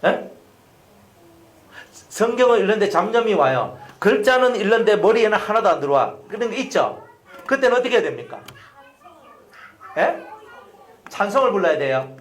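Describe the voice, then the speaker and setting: A middle-aged man preaching a sermon as a pastor, animated and repetitive, often asking the congregation questions. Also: sits high, normal speed, long pauses, roomy sound. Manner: animated, repeats phrases and asks the congregation questions.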